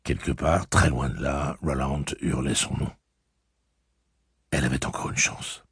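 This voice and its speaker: Man, audiobook narration, measured pace, very low husky voice, dry close sound. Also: no room sound. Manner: measured, steady storytelling.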